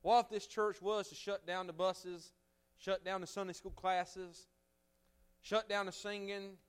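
A man preaching a revival sermon as a guest preacher, swinging from loud fervent exhortation to hushed storytelling. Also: high-pitched, level tone, a little slow, clean tone. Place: church sanctuary.

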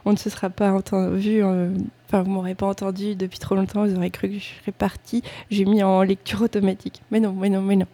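A woman's voice: medium pitch, flat delivery, fast, dark tone. A woman hosting a music radio show, talking casually between tracks, hesitant, with many fillers, restarts and self-mocking asides. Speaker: radio host presenting music. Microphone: studio microphone.

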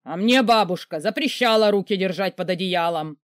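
A woman voicing a hulking, short-tempered rich man who yells, snarls and mocks. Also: deep voice, a little fast, no echo, clean studio sound, close to an everyday voice. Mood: raging. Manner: yelling, sarcastic, snarling. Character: furious rich man, a hulking grumpy boss.

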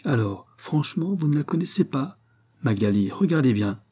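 A man's voice: on the high side, sing-song, moderate pace, warm tone, husky, voice pushed up. A man voicing a seasoned police commissioner, who questions people in a probing, wry way.

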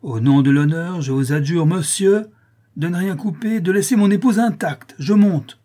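Here the same kind of character appears: an old male porter, played by a man, full of grand dignity and easily shocked, speaking in formal exclamations with a husky, mellow sound. Pitch is medium, pace moderate, and the voice stays natural. His mood is outraged and frantic.

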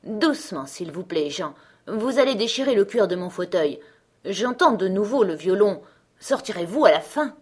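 A woman's voice: mid-range voice, expressive, normal speed, breathy edge. A woman reading the part of a stingy rich merchant father, curt and impatient.

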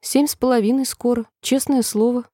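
A woman's voice: a little high, steady tone, normal speed, no room sound, studio quality, voice pushed up, lightly acted. A woman reading a storybook, voicing a polite, curious seven-year-old girl. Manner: polite, gently puzzled questions.

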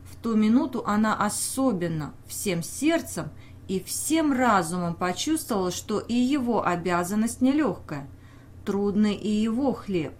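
A woman reading a novel aloud as an audiobook narrator, in a measured way, and lifting her voice for the shouted lines. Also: medium pitch, lively intonation.

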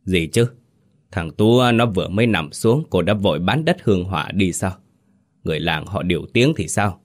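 A man voicing a greedy old village landowner in an audio ghost story, gruff and sly. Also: deep voice, expressive, normal speed. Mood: suspicious.

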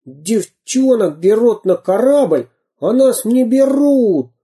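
A man voicing a crowd of eager young boys who shout shrilly in a storybook reading. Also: very high voice, expressive, takes it slowly, voice pushed up, exaggerated voice. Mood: excited.

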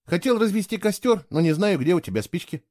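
A man's voice: high-pitched, lively intonation, brisk, darkish tone, voice pushed up. A man voicing an indignant young man, a stranger in a strange world, speaking in an irritated, insistent way. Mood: plain.

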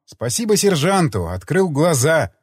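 A man voicing a weary, conflicted soldier who talks gruffly and sighs. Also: on the high side, big pitch swings, measured pace, no room sound, clean studio sound, voice pushed up, heavily acted. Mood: brooding. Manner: sighing, gruff, brooding.

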